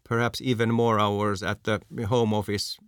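Low-voiced Finnish host asking questions. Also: male voice, flat delivery, clean tone, no room sound, clean studio sound. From Finland. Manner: measured, steering the talk with questions. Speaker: interviewer, host. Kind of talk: conversational interview.

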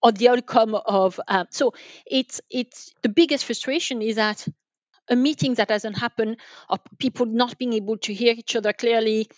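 A woman who works as an enterprise sales manager gives conversational answers as a podcast guest on business topics, speaking haltingly and circling back over her words as she thinks. Her voice is fairly high, and the sound is dry and somewhat dull, like a band-limited online call, with no room sound.

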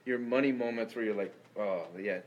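A man talking quickly and energetically in a casual conversation, telling anecdotes with many restarts. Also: fairly low pitch, highs cut off, a little hiss or hum.

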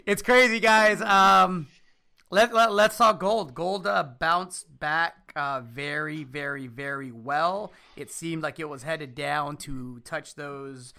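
A man's voice: a little high, slow pace, vocal fry, pushed and bright, clean tone. A man from Chicago co-hosting a finance podcast, talking upbeat and addressing listeners directly. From Chicago, USA. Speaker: podcast co-host. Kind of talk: casual finance podcast chat.

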